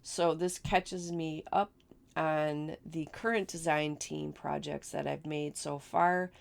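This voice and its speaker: A woman with a raspy voice hosting a casual card-making tutorial, chatty and enthusiastic as she walks through her projects. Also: deep voice, steady tone, slow pace. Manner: chatty, enthusiastic, with fillers and repeats. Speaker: card-making channel host.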